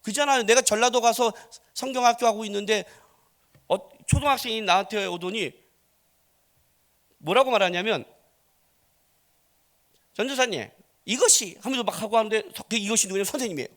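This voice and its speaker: A man's voice: sits high, fast talker, a bit bright. A man preaching a blunt, conversational sermon as a pastor, full of rhetorical questions.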